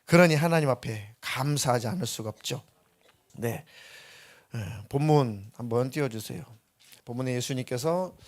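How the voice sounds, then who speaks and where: A male pastor preaching a Sunday sermon in a church, emphatic and full of rhetorical questions. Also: mid-range voice. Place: church sanctuary.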